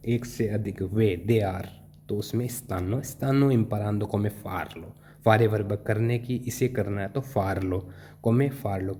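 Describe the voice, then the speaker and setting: A man teaching a language lesson, explaining in an everyday voice and saying example phrases slowly and carefully. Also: on the low side, warm tone, a little hiss or hum. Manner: slow, drawn-out example phrases.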